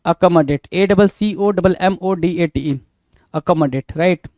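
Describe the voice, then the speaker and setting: A man's voice: sits high, slow, a little mellow, no room sound. Man spelling words out letter by letter. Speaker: teacher. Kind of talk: exam-prep spelling lesson.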